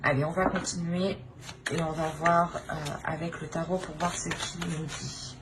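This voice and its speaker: Hosting her own channel, this tarot reader offers viewers an off-the-cuff reading in a fairly low, level voice at a normal speed. Her delivery is hesitant, with repeated phrases and a frequent tacked-on "hein," and background noise is noticeable.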